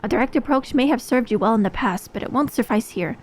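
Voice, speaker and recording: A woman reading aloud a calm game companion explaining a plan, in a measured way. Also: fairly high pitch, close to an everyday voice. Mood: planning.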